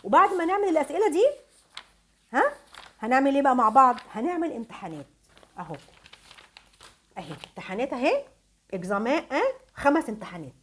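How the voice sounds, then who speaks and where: A woman with an Egyptian accent runs a grammar review for school pupils. She talks fast with a lively, swinging pitch and a fairly high voice. Her voice sounds tired and strained, and she keeps asking them rhetorical questions. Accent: Egyptian Arabic. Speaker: French teacher.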